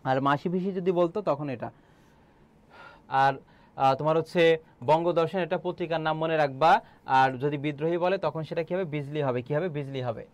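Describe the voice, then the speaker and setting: A man's voice: a little high, moderate pace, pauses often. A young man teaching an online exam-prep class, quizzing students and repeating key answers, with frequent filler sounds.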